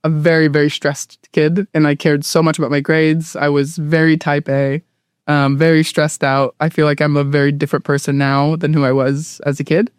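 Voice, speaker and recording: Speaking at a moderate pace in a mid-range, level voice, a guest in their late twenties keeps an interview chat loose and casual. The recording is clean with no room sound, and the American-accented Southern Californian laughs easily and drops frequent "like" and "um" fillers.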